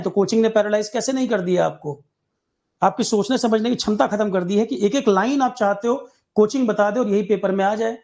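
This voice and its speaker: A man's voice: high-pitched, darkish tone. A male coaching teacher giving exam aspirants a candid, blunt talk full of rhetorical questions.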